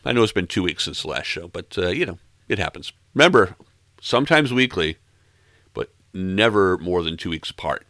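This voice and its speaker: A middle-aged man hosting a music podcast, casually back-announcing tracks in a relaxed, wry, self-deprecating way. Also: low-pitched, moderate pace, dry recording, clean studio sound. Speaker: podcast host.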